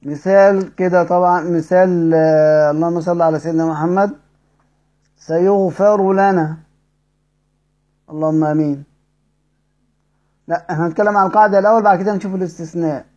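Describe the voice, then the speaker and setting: Egyptian man, Quran recitation teacher, high voice, quick colloquial explanations with slow drawn-out recitation, muffled lo-fi sound. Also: steady tone, darkish tone. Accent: Egyptian Arabic. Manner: addresses students directly with questions.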